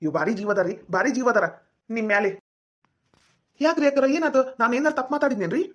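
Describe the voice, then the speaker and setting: Woman playing rapid-fire village saree seller. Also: fairly high pitch. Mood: persuasive. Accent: North Karnataka Kannada. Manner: persuasive sales patter, flattering. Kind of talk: village comedy skit.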